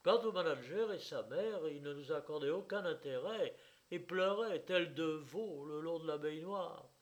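Narrateur posé à la voix assez haute. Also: male voice, fairly high pitch. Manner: measured, expressive storytelling. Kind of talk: scripted audiobook narration.

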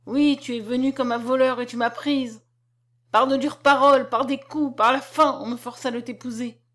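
A woman's voice: high voice, fairly even intonation, normal speed, a bit bright. A woman reading as a proud, commanding older mistress. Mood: bitter. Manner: commanding, cutting, defiant.

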